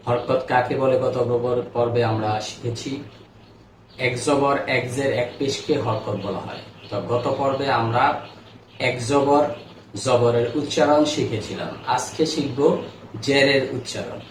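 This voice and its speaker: A man teaching a spoken lesson on reading Quranic letters, drilling syllables slowly and clearly for learners. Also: medium pitch, slight background noise. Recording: echoey room, distant mic.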